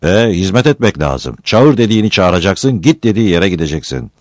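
A man's voice: sits low, very animated, fairly quick, darkish tone, no echo, studio quality, voice pushed up. A man voicing a pompous village headman giving orders to a young man. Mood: bossy. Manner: bossy, commanding. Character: pompous middle-aged male village headman.

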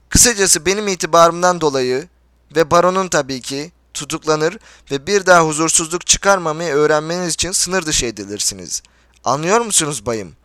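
A man voicing a pompous, blustering older general in an audiobook, indignant and quick to plead. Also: fairly high pitch, a bit bright, dry recording, clean studio sound. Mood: furious. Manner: indignant, blustering, then imploring. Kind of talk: audiobook character reading.

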